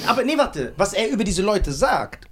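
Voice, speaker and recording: A man's voice: sits high, sing-song, fairly bright tone, husky. Playful man cutting in with jokes. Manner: playful teasing, quick interjections. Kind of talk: casual chat.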